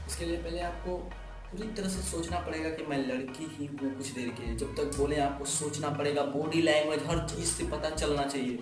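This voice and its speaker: A man's voice: a little high, fairly quick, echoey room, music in the background. A man casually teaching viewers how to mimic a girl's voice, calling them brother. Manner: chatty, addresses viewers as bhai. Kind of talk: casual tutorial.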